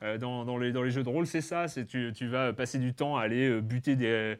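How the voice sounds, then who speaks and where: A man's voice: mid-range voice, brisk, clean tone. French man hosting a casual chat. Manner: hesitant, many fillers and restarts. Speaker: podcast host. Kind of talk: casual chat about video games.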